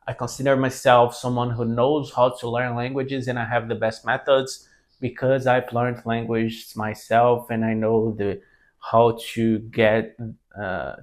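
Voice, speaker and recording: Speaking to camera in a lowish voice, this language mentor is a Brazilian man in his twenties with Portuguese as his native tongue and a Brazilian Portuguese accent. His casual talk is halting, and he keeps restarting and correcting himself.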